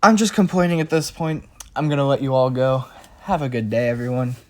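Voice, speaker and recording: A man's voice: mid-range voice, brisk. A man narrating a recap of his game fights in an exasperated, rambling play-by-play. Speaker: game channel creator. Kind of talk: gameplay recap voice-over. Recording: clear background noise.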